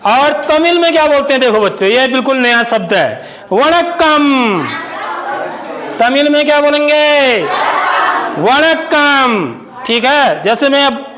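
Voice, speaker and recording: Male teacher, classroom lesson for children, slow deliberate pace, quizzes the class. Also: extremely high pitch, animated, a crowd in the background, background noise. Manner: asks the class questions and repeats words slowly. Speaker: school teacher. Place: school classroom.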